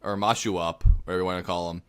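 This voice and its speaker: A man's voice: sits low, steady tone, fast talker, a bit bright, clean tone. A young man co-hosting a podcast, telling stories animatedly and jokingly mimicking voices. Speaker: podcast co-host. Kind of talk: casual chat.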